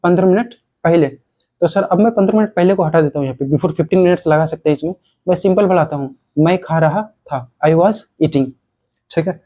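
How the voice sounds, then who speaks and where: Indian man teaching English grammar, mellow. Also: fairly high pitch, moderate pace, rough recording. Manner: explanatory, repeats key terms, checks with "theek hai?". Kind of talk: spoken English lesson.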